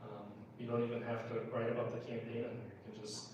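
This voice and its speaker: At an informal town hall, a Minnesota man in middle age answers questions as a political candidate. He sounds explanatory and steady in pitch, though he often stops and hesitates. The distant mic picks up a roomy echo from the public meeting space along with plainly audible background noise.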